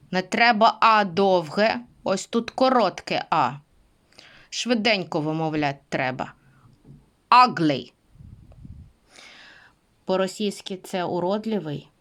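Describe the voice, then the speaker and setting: A woman's voice: mid-range voice, fairly bright tone. A woman teaching English pronunciation, speaking patiently and repeating words for her students. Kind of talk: pronunciation lesson.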